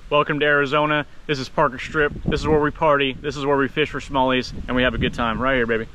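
A fishing vlogger, an American man in his thirties, talks fast and flatly in a medium-pitched voice while out on a kayak on open water. He speaks casually to a close action camera, using bro slang and some swearing, with outdoor wind and boat noise in the background.

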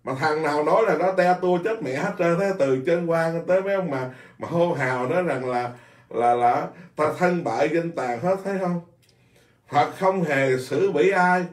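Blunt scolding Buddhist monk, echoey room. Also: male voice, a little high, distant mic. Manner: blunt, scolding, animated with many repetitions. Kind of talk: informal dharma talk.

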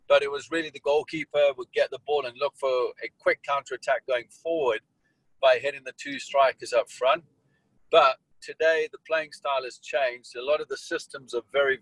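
A man's voice: medium pitch, fairly bright tone, no echo, low-quality recording. A man from Malawi and South Africa, a soccer coach, answering interview questions in a rambling way with many restarts and fillers.

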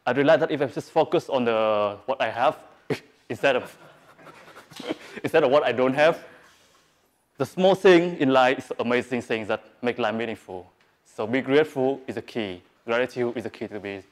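A man speaks English at a live presentation. He hesitates a lot, filling gaps with "uh" and "um" and restarting phrases. His voice sits in an ordinary middle pitch. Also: normal speed. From Vietnam. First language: Vietnamese. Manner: hesitant, many fillers and restarts. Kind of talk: live talk on stage. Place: event hall with audience.

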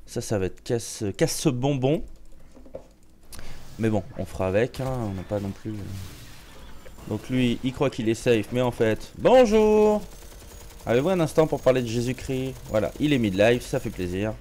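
A man giving casual live commentary on his own gameplay, joking and chatty, with a slightly sore throat that makes him clear it now and then. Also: fairly low pitch, a little slow, long pauses, a little mellow, a little hiss or hum. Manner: joking, chatty, many restarts and fillers. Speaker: game streamer.

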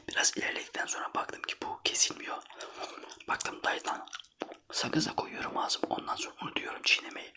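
A man from Trabzon in Turkey whispering a casual, rambling ASMR anecdote in breathy, colloquial, foul-mouthed speech. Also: pushed and bright. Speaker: ASMR storyteller.

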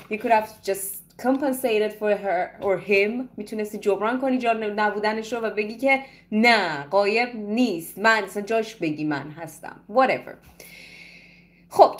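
A Persian-speaking woman teaching English in a playful, lively way, slowing down carefully whenever she speaks English. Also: mid-range voice. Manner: switches between Persian and slow, carefully spoken English. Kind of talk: live online English lesson.

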